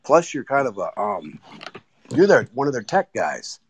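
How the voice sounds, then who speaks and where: On an iPhone, a man joins a live audio app's casual chat as a guest, speaking with enthusiasm in stops and starts. The audio sounds dull, carrying his mid-range, husky, sing-song voice.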